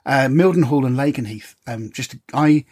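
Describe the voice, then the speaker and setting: A man's voice: medium pitch, normal speed, darkish tone. A middle-aged British man hosting a casual interview in a chummy, rambling way. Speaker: interviewer, host.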